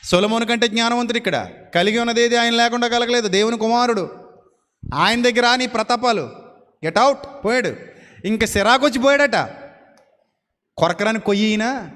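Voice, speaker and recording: A man preaching a sermon, swinging between loud proclaiming and low, mocking asides. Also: a little fast, pauses often, in a large hall. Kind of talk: Telugu sermon.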